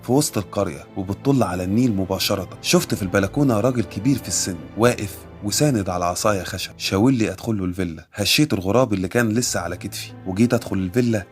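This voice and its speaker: Fast-talking Egyptian storyteller man. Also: on the low side, faint music behind. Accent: Egyptian Arabic. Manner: quick, sarcastic and lively. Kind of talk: comic first-person story narration.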